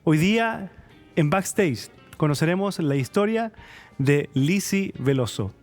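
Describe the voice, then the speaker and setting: A man's voice: fairly high pitch, animated, measured pace, faint music behind. A Chilean man hosting a church talk show, reading scripture and greeting viewers before chatting with his guest. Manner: warm friendly interviewer, reads scripture and greetings. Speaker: church program host. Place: church studio.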